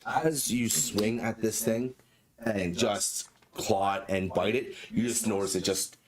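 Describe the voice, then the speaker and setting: A man's voice: lowish voice, measured pace, background noise. A man running a tabletop game as dungeon master, narrating in a casual, stop-start way with frequent swearing.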